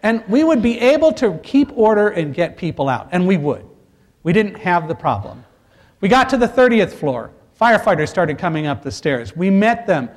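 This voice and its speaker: A man telling a personal survival story to an audience, earnest and animated, building to loud emphasis. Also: high voice, moderate pace. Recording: echoey hall reverb.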